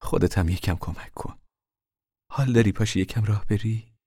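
A man voicing a steady, caring mother of a poor migrant family, speaking calmly, firmly and plainly. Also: fairly low pitch, slightly rough, no room sound, clean studio sound. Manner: calm, firm, plain-spoken.

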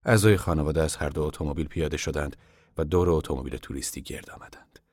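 A man narrating a novel in a calm, measured audiobook reading. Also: rumbling low, dry recording, clean studio sound. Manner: calm, measured storytelling, at times hushed.

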